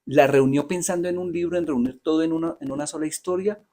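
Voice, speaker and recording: A man's voice: a little high, steady tone, quick pace, dark tone. A man from Colombia interviewing a novelist, asking long, polite and carefully elaborated questions.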